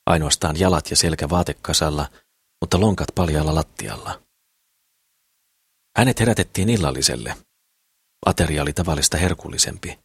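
A man narrating an audiobook in a calm, steady reading voice. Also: rumbling low, pauses often, husky, no echo, studio quality.

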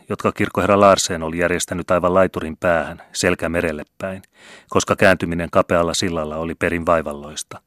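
A man narrates a novel for an audiobook in a very low, deep voice. His delivery is measured and even, telling the story at a steady pace. The recording is close and dry, with no room sound. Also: no echo. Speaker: audiobook reader. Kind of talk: scripted literary narration.

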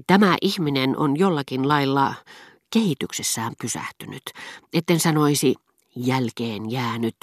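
A woman reading the part of a witty, sharp-tongued duchess in an audiobook, emphatic and mocking. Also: a bass voice, no room sound, clean studio sound. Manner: emphatic, mocking, earthy chest voice.

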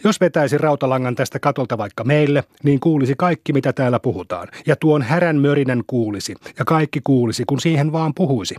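A man's voice: medium pitch, expressive, hardly any pauses, darkish tone, no room sound, studio quality, natural voice. A man voicing a boastful little village boy who eagerly explains things he half understands. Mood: explaining.

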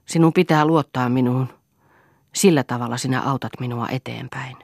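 A woman's voice: very deep voice, creaky, a little mellow, no echo, studio quality, full character voice. A woman voicing a moody, self-pitying husband in an audiobook, speaking in sulky, boastful outbursts. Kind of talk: audiobook character reading.

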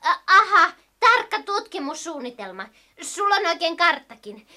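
Little myyreli creature, children's radio play, squeaky high voice, bright, excitable chatter. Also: female voice, heavily acted. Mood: eager. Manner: excitable, chirpy, quick questions. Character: small eager female myyreli creature, sniffer.

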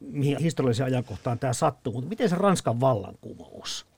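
A man's voice: mid-range voice, big pitch swings, creaky, darkish tone, breathy edge, no room sound. A man hosting a talk show interview, asking long, winding questions. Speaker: host.

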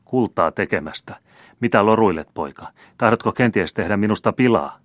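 Brief: male reader doing a greedy old miser merchant, contemptuous, raised and louder than his own low voice, dry close sound. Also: animated, no echo, natural voice. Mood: scolding. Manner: contemptuous, grasping, rising to loud scolding. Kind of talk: audiobook character reading.

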